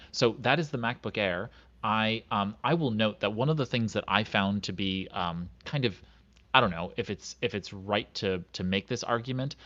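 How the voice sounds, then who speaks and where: A man hosting a podcast, calmly reading out specs with many filler words. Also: on the low side, dull audio. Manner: measured, reads specs out, hedging fillers. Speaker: podcast host. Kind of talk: casual chat.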